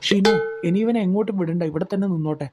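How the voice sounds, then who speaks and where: A man's voice: high-pitched, fast talker, music in the background, lightly acted. Man voicing an exasperated cartoon friend. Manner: scolding, instructing. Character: exasperated young man minding his clueless friend.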